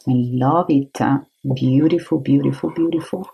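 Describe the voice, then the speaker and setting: A woman's voice: rumbling low, normal speed, creaky, dark tone, slightly rough, poor audio. A woman from Italy with an Italian accent, an art teacher chatting encouragingly while she draws with oil pastels. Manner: chatty, encouraging, thinks aloud while drawing. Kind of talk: casual art tutorial.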